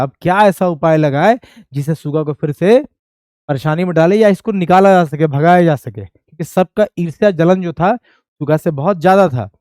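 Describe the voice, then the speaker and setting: A man's voice: high voice, a little mellow, no echo, studio quality. A male teacher explaining a folk tale line by line, reading dialect lines and then explaining them in plain speech.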